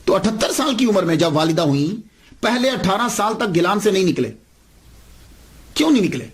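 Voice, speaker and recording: A man preaches a saint's story with animated delivery, posing rhetorical questions and acting out the dialogue. His voice sits a little on the higher side. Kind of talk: religious storytelling sermon.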